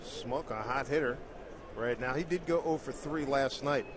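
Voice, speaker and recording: A man calling baseball play-by-play, brisk and rising with excitement on big plays. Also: medium pitch, noisy background. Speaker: play-by-play announcer.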